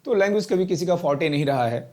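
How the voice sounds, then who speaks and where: A man teaching English vocabulary for exam preparation, mixing Hindi and English, slowing down on English phrases, with an Indian English accent and many fillers. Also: a little high, animated, a little mellow. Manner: Hindi-English code-switching, slow deliberate English phrases, frequent fillers. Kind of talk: spontaneous classroom-style lesson.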